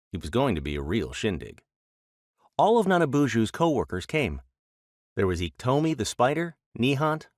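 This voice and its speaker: A man's voice: medium pitch, dry recording, clean studio sound. A man narrating a scripted trickster tale as an audiobook storyteller.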